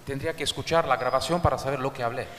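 Interpreter with a long hall echo. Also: male voice, medium pitch, fairly even intonation, a bit bright. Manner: quick rendering with restarts and self-corrections. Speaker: sermon interpreter. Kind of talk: live consecutive interpreting of a sermon. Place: church congress hall. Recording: reverberant hall.

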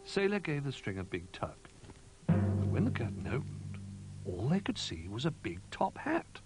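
A man narrating a children's storybook in an animated, sing-song manner. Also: mid-range voice, moderate pace. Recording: music under narration.

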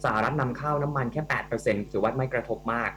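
A male radio host giving brisk news updates in a talk show conversation. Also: mid-range voice, fairly bright tone, faint music behind. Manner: brisk, news-reporting delivery. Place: radio studio. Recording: radio studio with faint mains hum.

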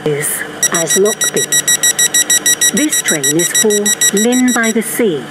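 A woman's voice: mid-range voice, lively intonation, takes it slowly, heavy background noise. Woman's automated train announcement, lilting.

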